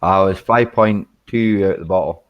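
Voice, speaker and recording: A man's voice: deep voice, normal speed, highs cut off. A man teasing his friends in a shed, often ending his remarks with a questioning tag. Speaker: regular in a chat among friends. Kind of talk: casual banter.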